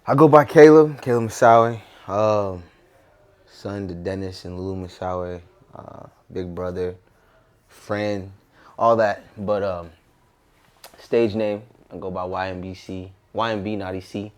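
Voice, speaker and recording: This interview guest, an American-accented man in his twenties from Southern California, sounds casual and reflective. His low, slightly mellow voice carries fairly even intonation and moves a little slowly.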